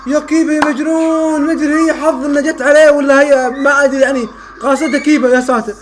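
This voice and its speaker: High-pitched fast streamer. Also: male voice, fairly even intonation, soft background music. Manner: exclaims and repeats phrases, shouts at goals. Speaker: streamer reacting to a football match. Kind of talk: excited live reaction commentary.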